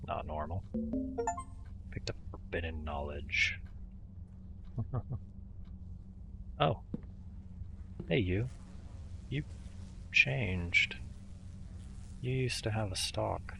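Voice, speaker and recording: Low gravelly guy playing a horror game, muttering to himself, bit of background noise. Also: animated, takes it slowly, pauses often, sharp tone. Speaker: video game streamer. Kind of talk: casual horror game commentary.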